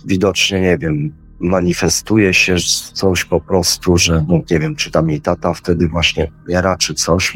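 Low-voiced man rambling through a story. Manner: rambling, acts out his own quoted words. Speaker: guest telling a personal experience. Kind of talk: casual spoken storytelling.

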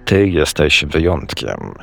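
A man reading the lines of a calm, wise old male sorcerer teacher, measured and gently amused. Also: very deep voice, vocal fry, soft background music, voice pushed down, heavily acted.

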